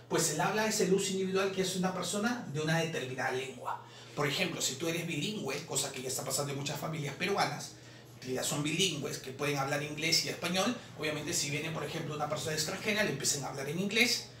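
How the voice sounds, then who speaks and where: Male teacher, bright voice, roomy echo, distant mic, faint noise. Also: fairly high pitch. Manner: drawn-out repetition of syllables, explanatory. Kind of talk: exam solution lesson.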